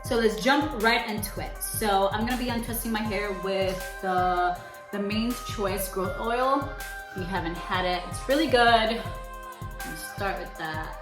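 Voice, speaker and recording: A woman's voice: medium pitch, echoey room, over music. A young woman from Cuba, a podcast co-host, telling a personal story in a casual, candid vlog. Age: young adult. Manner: chatty and candid, switches between quick and slow emphatic phrasing.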